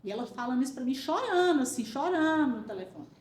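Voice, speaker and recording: Guest storyteller: woman, higher voice, roomy sound with a faint hiss. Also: fast. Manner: animated storyteller, acts out quoted voices. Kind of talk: testimony in casual chat.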